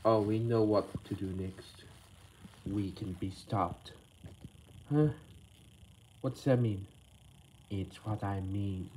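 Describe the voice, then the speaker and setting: Man, homemade toy animation, voices every character, unhurried, halting, rambling. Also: on the low side, darkish tone, slight background noise, low-quality recording. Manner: halting, rambling delivery with word slips. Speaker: creator voicing all characters of a toy animation. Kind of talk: homemade toy stop-motion voice acting.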